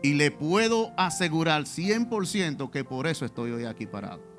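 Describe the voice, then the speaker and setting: Pastor giving his testimony in church, slightly high voice, soft music under it. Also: expressive, normal speed. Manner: testimonial preaching, addresses congregation directly, rhetorical questions. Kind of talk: sermon.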